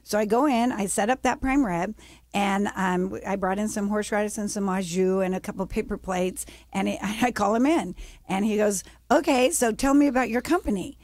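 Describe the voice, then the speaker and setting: Animated middle-aged woman telling her story. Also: moderate pace, no room sound, studio quality. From United States. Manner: animated storyteller, acts out quotes with raised pitch. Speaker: guest, business founder. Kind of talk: casual interview storytelling.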